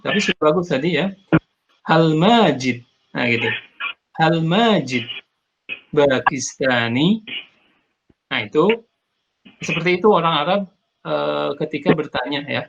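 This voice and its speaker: A man teaching an online Arabic class over a video call, patient and corrective, often pausing with "eh". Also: on the high side, gravelly, background noise. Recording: muffled video call audio.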